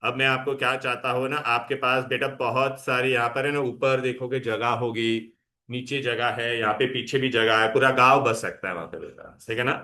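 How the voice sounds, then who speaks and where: A male teacher lectures a live class with a bright, forceful edge to his voice. He coaxes the students along and checks in with them often. The talk stays at an ordinary middle pitch. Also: fairly even intonation, moderate pace. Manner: coaxing, calls students "beta", mixes Hindi and English. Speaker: chemistry teacher.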